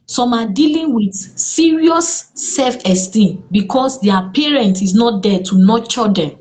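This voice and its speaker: A Nigerian woman speaking as a therapist in an interview, earnest and lively, with exclamations in her stories. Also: on the high side, measured pace. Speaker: therapist guest. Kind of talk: interview conversation.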